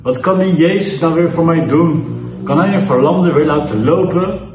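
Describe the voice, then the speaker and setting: A man's voice: fairly high pitch, normal speed, darkish tone, far from the mic, slight background noise, lightly acted. Man reading a doubtful, scoffing paralysed man in a storybook tale, echoey room.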